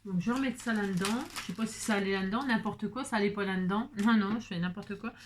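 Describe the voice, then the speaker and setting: A woman's voice: mid-range voice, fast, background noise. A woman talking casually while making a card, chatty and self-mocking with frequent exclamations. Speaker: crafting vlogger. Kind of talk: chatty crafting tutorial.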